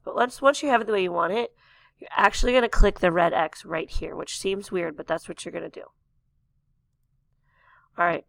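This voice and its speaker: Woman teacher, tutorial voice-over, gravelly and losing her voice, dry close sound. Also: on the low side, fairly bright tone, no room sound. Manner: plain step-by-step instructions, coughs and throat clearing. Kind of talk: screen-recorded software tutorial.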